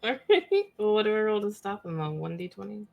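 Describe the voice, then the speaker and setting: A woman's voice: mid-range voice, big pitch swings, a little fast, vocal fry, narrow, tinny audio, soft background music. A woman playing in a tabletop game, casual and playful, asking about rolls. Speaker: player. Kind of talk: casual chat.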